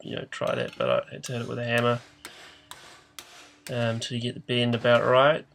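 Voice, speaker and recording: A man's voice: mid-range voice, big pitch swings, a little fast, creaky, fairly bright tone. A man giving an informal, hesitant how-to voice-over in a matter-of-fact way, his voice nasal and congested as if he has a blocked nose. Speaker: DIY car repair presenter. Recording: noticeable background noise.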